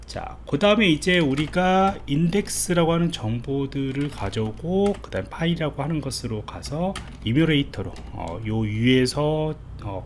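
Over a screen recording made indoors, a lively male coding instructor with a mid-range voice explains things step by step in a casual manner, thinking aloud as he types. The recording is noisy, with background noise that is clearly audible.

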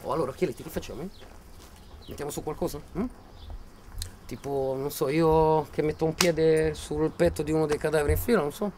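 An actor playing a volatile, menacing militiaman who taunts and mocks, then bursts into shouting. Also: fairly high pitch, steady tone, brisk, slight background noise, natural voice. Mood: mocking. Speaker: soldier threatening a journalist. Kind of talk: film acting.

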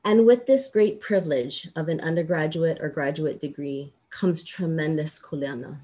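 A middle-aged woman from Hawaii, a law professor giving a formal commencement speech over a video call, earnest and measured with emphatic pauses. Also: deep voice, dark tone. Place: indoors, small room with plain backdrop.

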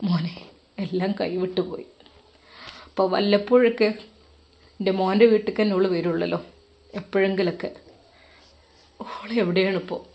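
A woman voicing a grieving elderly father who speaks quietly and heavily in a Malappuram Malayalam accent. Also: medium pitch, fairly even intonation, normal speed, creaky, pauses often, natural voice. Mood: sorrowful. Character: grieving old father of a wayward daughter, soft-spoken.

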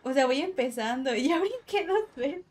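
A woman's voice: high voice, expressive, normal speed, darkish tone, a little hiss or hum. A woman with a Mexican accent giving nervous, jumpy commentary while playing a horror game live and talking to her viewers.

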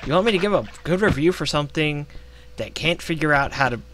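A gaming vlogger with a fairly high, slightly bright voice talks fast and animatedly over gameplay, ranting with plenty of profanity and saying he's losing his voice. He uses a gaming headset, and there's a little hiss or hum.

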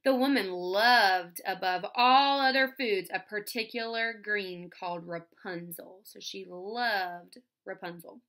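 Bright-voiced teacher reading aloud. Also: female voice, mid-range voice. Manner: explains words and asks the class questions. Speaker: first-grade teacher. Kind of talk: reading a fairy tale aloud to young children.

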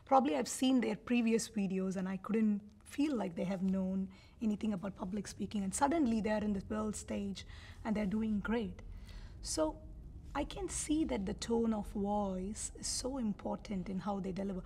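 A woman hosting a podcast interview, asking questions in a soft-spoken way. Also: medium pitch, moderate pace, husky. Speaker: podcast host.

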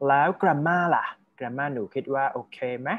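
Male tutor, mid pitch, gentle and encouraging feedback over a video call, peppered with English terms. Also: a little slow, narrow, tinny audio. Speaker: IELTS speaking tutor. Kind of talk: casual online tutoring feedback.

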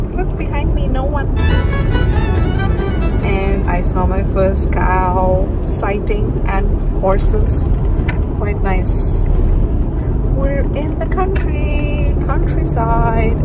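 A middle-aged woman from India, chatting casually on her phone camera in a travel vlog, with lots of fillers and restarts. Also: mid-range voice. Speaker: vlogger. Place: outdoors, in a car and in a small cottage. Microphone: phone camera at arm's length. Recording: phone video with clear background noise.

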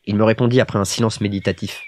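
A man narrating a storybook audiobook in a lively, expressive storytelling manner. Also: fairly low pitch, rapid-fire.

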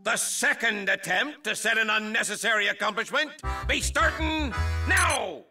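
A man's voice: normal speed, over music, close to an everyday voice. An actor voicing a boisterous male pirate captain for a cartoon, talking in showy pirate speech like an announcer. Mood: hearty. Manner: booming pirate talk, theatrical announcer. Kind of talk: cartoon voice acting.

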